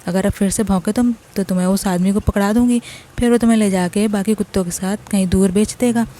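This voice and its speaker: A bossy young woman scolds and threatens a stubborn dog in a storybook recap, voiced by the woman narrating. Her voice is mellow and warm, at an ordinary middle pitch. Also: steady tone, fast, close to an everyday voice. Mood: scolding.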